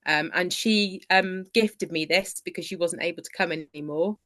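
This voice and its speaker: Earnest woman with a lowish voice. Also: moderate pace, a bit bright. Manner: earnest, hesitant, with fillers and restarts. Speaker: coach and book club member. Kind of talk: casual group video call.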